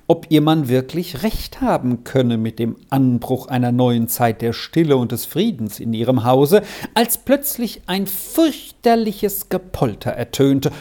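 An audiobook narrator reading a children's novel with expressive, unhurried storytelling. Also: mid-range voice.

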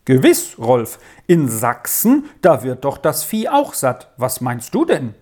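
A reader voicing a quick-witted older boy who answers riddles emphatically and teases his friend. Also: mid-range voice, huge pitch swings, darkish tone, exaggerated voice. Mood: insistent. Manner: emphatic, teasing.

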